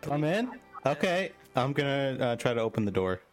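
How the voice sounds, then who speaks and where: A man with a mid-pitched voice playing a tabletop game in a joking, playful way. He chats casually with the others at the table. Faint music runs in the background. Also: very animated, moderate pace. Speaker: player.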